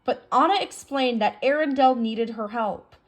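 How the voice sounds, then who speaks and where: Reading a children's storybook as narrator, this woman speaks at a normal speed with a fairly high pitch. Soft background music can be heard under her voice.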